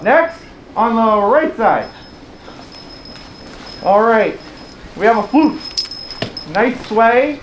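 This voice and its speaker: Playful and teasing, a convention panel host addresses a live audience and calls people up onto the stage. The voice is mid-pitched, echoing through a large room over a faint hiss.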